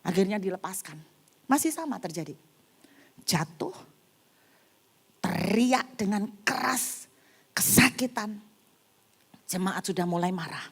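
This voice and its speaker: A middle-aged woman pastor preaching a sermon, telling stories in an animated way and acting out the scenes. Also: mid-range voice, measured pace, long pauses, husky. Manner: animated storytelling, acting out scenes with cries and shouts. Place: church service in a hall.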